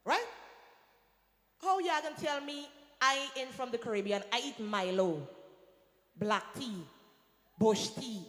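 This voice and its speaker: A woman from Guyana with a Guyanese accent, a singer talking to a festival crowd from the stage, lively and calling out to the audience. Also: fairly high pitch, takes it slowly, long pauses. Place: large venue on stage. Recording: echoey hall with long reverb.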